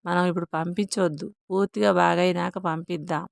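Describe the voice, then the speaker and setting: A woman's voice: fairly low pitch, fairly even intonation, a little fast, gravelly, no echo. A woman voicing a blunt protective brother. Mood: urging. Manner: blunt and forceful. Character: protective elder brother, a blunt, caring village man.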